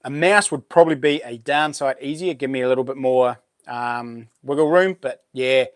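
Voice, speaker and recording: Man, broad Kiwi accent, matey slang, casual stream chat, smooth clear tone, dry close sound. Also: medium pitch, moderate pace, no room sound. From New Zealand. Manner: matey, laid-back slang. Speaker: live stream host. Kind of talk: casual chat with live viewers.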